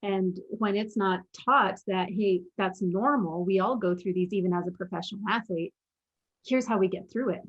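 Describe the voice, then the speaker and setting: A husky, mid-range voice at a moderate pace belongs to a young woman interview guest, heard in lo-fi sound. She played basketball professionally and now works as a mental performance coach, and she earnestly tells her story while quoting her own past thoughts.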